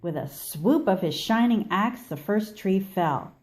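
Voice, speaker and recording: A woman reading a children's story aloud expressively, with measured delivery and dramatic pauses. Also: medium pitch, animated. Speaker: storybook reader.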